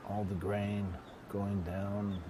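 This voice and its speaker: A man's voice: on the low side, level tone, slow pace, background noise. A man giving conversational live golf commentary, repeating phrases for emphasis.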